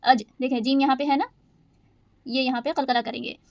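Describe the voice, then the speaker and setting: A woman teaching Quran recitation rules, patiently explaining each rule and reciting verses slowly. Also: high-pitched, fairly even intonation, no echo. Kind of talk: step-by-step recitation lesson.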